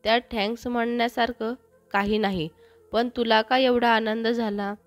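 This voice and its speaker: A woman's voice: on the high side, little pitch movement, normal speed, dry recording, faint music behind, lightly acted. Young woman friend, casual and curious, read by a woman; dry.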